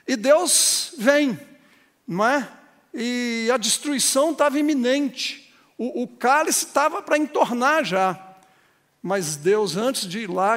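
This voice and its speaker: A man's voice: sits high, a bit bright. A man preaching a sermon as pastor, building to emphatic, emotional passages and acting out conversations with churchgoers. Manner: acts out dialogues with congregants. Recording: long hall reverb.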